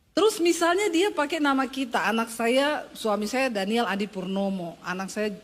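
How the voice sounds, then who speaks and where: A woman pastor giving a lively, conversational sermon in church, teasing and questioning the congregation. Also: a little hiss or hum. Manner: pitch swings wide for emphasis.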